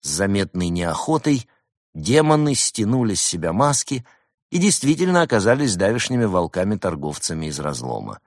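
A man's voice: fairly low pitch, very animated, normal speed, no room sound, clean studio sound. A man narrating an audiobook story expressively.

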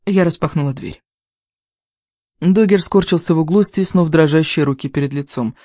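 A man narrating a first-person novel as an audiobook reader, in a steady storytelling delivery that rises for quoted lines. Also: fairly high pitch, normal speed, no echo, studio quality.

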